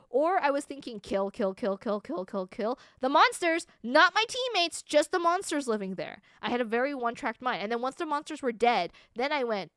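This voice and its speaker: A woman streamer chatting casually with her viewers, animated, laughing often and swearing freely. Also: a little high, clear, resonant tone, no echo, studio quality. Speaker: streamer answering chat. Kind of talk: casual live-stream chat.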